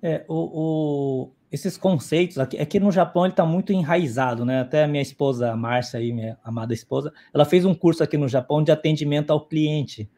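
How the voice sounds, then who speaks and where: A man's voice: on the high side, brisk, hardly any pauses, dark tone. A man speaking as a guest on a live stream, explaining at length and often adding "né?" and restarting his sentences, over a video call microphone. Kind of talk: explanatory talk.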